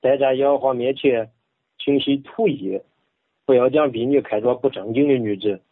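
Man, Henan dialect, husky voice, dry tinny phone-like sound, modest. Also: mid-range voice, steady tone, normal speed, no echo. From Henan, China. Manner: modest, quiet, laughs shyly. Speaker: radio co-host.

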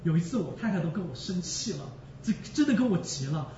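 A man with a high, widely swinging voice preaches with emotion, repeating lines for emphasis and calling out to his listeners. He sounds far from the mic in an echoey space, and the recording is dull. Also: big pitch swings, fast talker, dark tone, a little hiss or hum. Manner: addresses the congregation directly. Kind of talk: sermon.

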